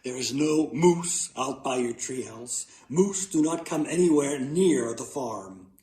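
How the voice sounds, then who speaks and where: A man voicing a flustered, grumpy father in a storybook reading, yelling in a high frantic voice. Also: lively intonation, slow pace, reverberant. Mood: dismissive.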